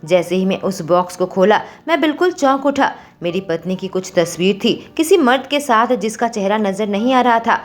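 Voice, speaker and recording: A woman storyteller reading a scripted story with steady, expressive narration. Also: mid-range voice, moderate pace, hardly any pauses.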